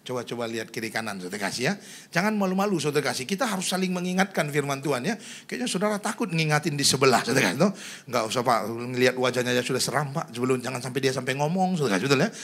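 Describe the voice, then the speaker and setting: A middle-aged male pastor preaching a sermon, constantly addressing the congregation and breaking into sudden loud bursts. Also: medium pitch, lively intonation, racing.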